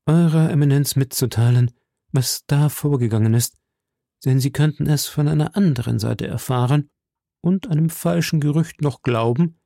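A man's voice: a little high, normal speed, vocal fry, dark tone, dry recording, clean studio sound. A man voicing a proud noble musketeer in an audiobook, speaking formally and with dignity. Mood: dignified. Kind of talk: audiobook reading.

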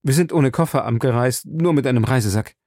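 A man voicing an excitable, talkative young French manservant in a storybook reading, proud and quick to take offence. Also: mid-range voice, no room sound, clean studio sound, lightly acted. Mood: chatty. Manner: chatty, proud, indignant.

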